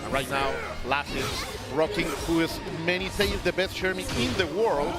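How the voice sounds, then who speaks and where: High-voiced man calling a fighting game tournament. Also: normal speed. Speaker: esports commentator. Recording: loud music and crowd behind. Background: tournament music and crowd.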